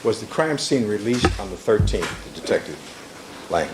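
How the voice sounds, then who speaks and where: A man's voice: fairly low pitch, animated, moderate pace, background noise. A man cross-examining a witness as an attorney in a courtroom recording, pressing with repeated leading questions.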